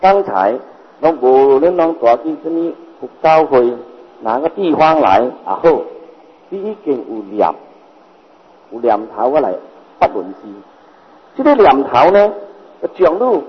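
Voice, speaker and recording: A man's voice: a little high, breathy edge. An older man with a Hokkien-influenced Mandarin accent giving a Buddhist sermon as a master, repeating points and asking rhetorical questions. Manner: repetitive, explains with rhetorical questions. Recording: reverberant, dull lo-fi hall recording.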